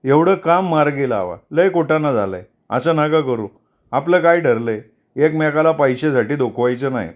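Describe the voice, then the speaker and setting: A man's voice: fairly high pitch, voice pushed up. A man voicing a placating middleman who coaxes and soothes. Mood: soothing. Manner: coaxing, conciliatory. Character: placating middleman friend, coaxing.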